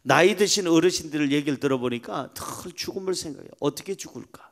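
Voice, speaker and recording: Pastor guy preaching, fairly high voice, goes from quiet to big emphatic bursts. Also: quick pace. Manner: emphatic, swings between soft asides and loud exclamations. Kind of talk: sermon.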